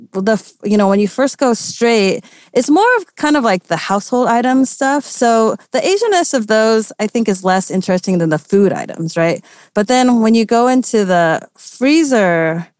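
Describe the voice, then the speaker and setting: A woman's voice: mid-range voice, darkish tone, clean tone, no room sound, clean studio sound. A young American woman journalist answering interview questions in a chatty, casual way, full of filler words and light laughs. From United States. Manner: chatty, lots of "like" and "you know", light laughs. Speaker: journalist guest.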